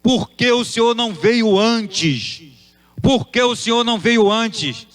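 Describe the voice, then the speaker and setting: A man's voice: extremely high pitch, slow pace, fairly bright tone, voice pushed up, exaggerated voice. A preacher voicing a desperate, grieving mother who pleads in anguish.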